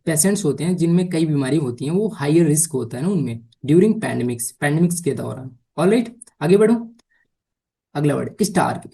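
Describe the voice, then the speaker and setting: A woman teaching English vocabulary for exams, explaining patiently in Hindi mixed with English and often asking whether it is clear. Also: on the low side, warm tone. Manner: mixes Hindi explanation with English words and sentences. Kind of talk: exam-prep vocabulary lesson.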